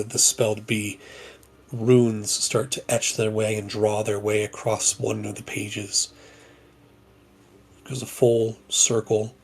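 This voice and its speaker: A man narrating a tabletop game as game master, in slow, measured descriptive narration over faint music. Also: fairly low pitch, vocal fry, husky.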